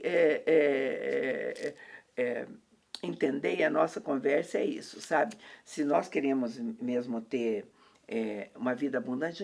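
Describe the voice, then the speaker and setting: Mulher de voz rouca e áspera. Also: female voice, low-pitched, creaky, darkish tone, breathy edge. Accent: Brazilian Portuguese. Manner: preachy storytelling, many fillers and tag questions. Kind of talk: casual faith chat.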